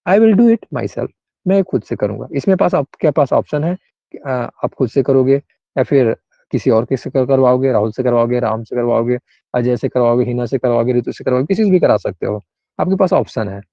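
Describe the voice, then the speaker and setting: A man's voice: mid-range voice, fairly quick, no room sound, lo-fi sound. A male English grammar teacher, explaining rules in an online class and often checking in with students by name.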